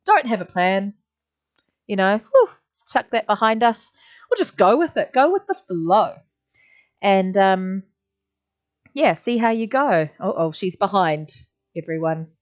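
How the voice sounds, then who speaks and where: A woman's voice: mid-range voice, very animated, slow pace, long pauses. A woman teaching a live online drawing lesson, chatty and encouraging, making little sound effects as she draws. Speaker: art teacher. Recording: slightly dull lo-fi audio.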